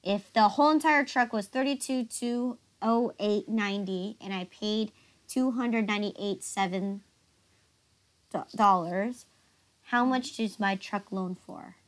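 A woman's voice: mid-range voice, unhurried. A woman tutoring accounting in a casual one-on-one session, patiently checking each step and asking guiding questions.

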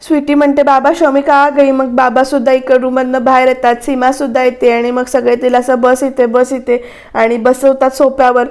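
A woman's voice: high-pitched, level tone, brisk, darkish tone. A woman giving a voice-over recap of a TV serial episode, retelling scenes and quoting the characters' lines in a conversational way. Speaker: TV serial reviewer.

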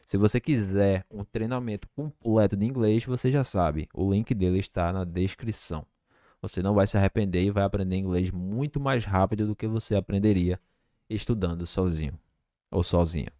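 A man teaching English to Portuguese speakers, slowly repeating each phrase with patience. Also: fairly low pitch, mellow, no echo, clean studio sound.

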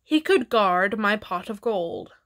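Woman doing a calm tempting rainbow. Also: mid-range voice, slow.

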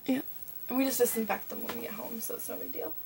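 Young woman, bright high voice, rambling casual chat, distant webcam mic, light hiss. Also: steady tone, fast talker, gravelly. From Canada. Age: young adult. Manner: chatty and rambling, with many fillers. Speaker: vlogger. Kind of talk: casual haul video. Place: small cluttered bedroom. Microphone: webcam at desk distance.

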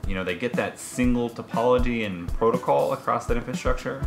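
A man's voice: medium pitch, fairly quick, vocal fry, soft background music, low-quality recording. A man guesting on a casual cooking show in a home kitchen, talking with enthusiasm.

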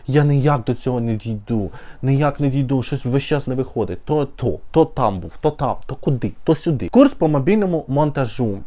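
A man's voice: medium pitch, dark tone. A man with a Ukrainian accent, a music critic talking casually in a reaction vlog, chatty and sarcastic with rambling asides.

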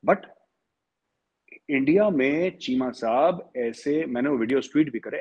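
Husky man arguing on a TV debate. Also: medium pitch, a little mellow. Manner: argumentative, switches into English phrases. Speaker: TV debate panelist. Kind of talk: heated TV debate.

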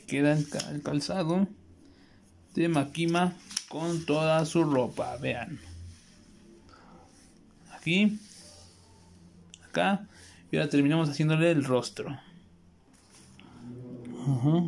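A man giving a casual drawing tutorial, muttering a relaxed running commentary as he sketches at a desk. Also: a little high, slow pace, gravelly, pauses often, a little hiss or hum. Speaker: drawing teacher. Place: indoors at a desk, overhead view of paper.

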